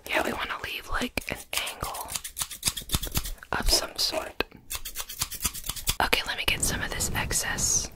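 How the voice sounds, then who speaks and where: Casting: woman for whispered role-play as a reassuring hairdresser, soft ASMR whisper, short repeated phrases. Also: unhurried, pauses often. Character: attentive, reassuring hairdresser tending a client. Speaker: ASMR performer playing a hairdresser.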